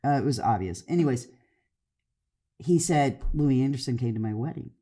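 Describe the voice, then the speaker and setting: A woman with an unusually deep voice spins loose, meandering stories in casual podcast chat, her pitch swinging widely as she goes. She laughs often as she talks. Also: lively intonation, moderate pace, warm tone, slightly rough. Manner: rambling storyteller, laughs often. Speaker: podcast co-host, comedian.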